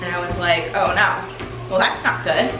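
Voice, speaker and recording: A woman's voice: fairly low pitch, moderate pace. A woman in her thirties giving a motivational chat as a weight loss coach while walking in place for exercise, recorded indoors. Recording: echoey room with music underneath. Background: music.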